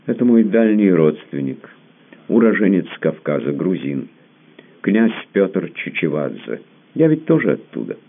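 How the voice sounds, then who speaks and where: A man's voice: low voice, sing-song, measured pace, creaky, breathy edge, pitched above the performer's own voice, full character voice. A man voicing a haughty, cold baroness with a curt, commanding manner. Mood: calm. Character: haughty cold Georgian-born woman, a baroness. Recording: lo-fi phone-like audio.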